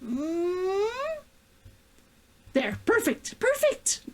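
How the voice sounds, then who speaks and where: This vtuber host and author reads aloud from her own novel and chats with excitement, her high-pitched delivery very animated yet unhurried. She giggles, gushes, and breaks in with drawn-out sighs.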